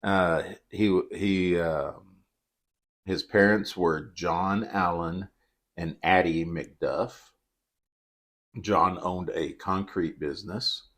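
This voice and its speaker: A man, co-hosting a true-crime podcast and telling the story in a dry, deadpan way. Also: low voice, extremely slow. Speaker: podcast co-host.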